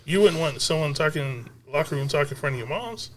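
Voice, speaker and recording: A man co-hosting a casual podcast, making his point in a punchy, animated way and repeating it for emphasis. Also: on the high side, fairly quick, a little hiss or hum. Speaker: podcast co-host. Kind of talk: casual debate chat.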